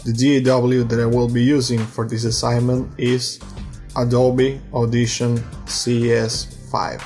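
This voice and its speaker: Student voice-over: man, slow careful explainer, monotone delivery. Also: medium pitch, soft background music. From Brazil, raised in Argentina. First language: Portuguese and Spanish. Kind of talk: recorded lesson voice-over.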